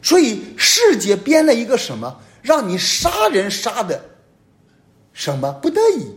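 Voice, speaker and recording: Man preaching with sweeping pitch swings. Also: huge pitch swings, measured pace. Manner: emphatic preaching, sweeping rises and drops in pitch and loudness. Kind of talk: homily.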